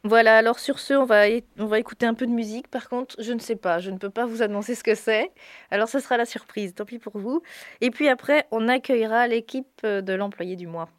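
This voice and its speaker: A woman hosting a radio show, introducing guests in a relaxed, informal way. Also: fairly high pitch, fairly quick, no room sound, studio quality. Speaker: radio host.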